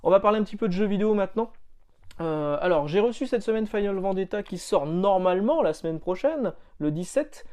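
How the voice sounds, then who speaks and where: A man's voice: high-pitched, animated, a little fast, a little mellow, clear, resonant tone. A man who runs a comic shop, chatting casually to his viewers in a rambling way, with many fillers and restarts. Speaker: comic shop owner and video host. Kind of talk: casual chat.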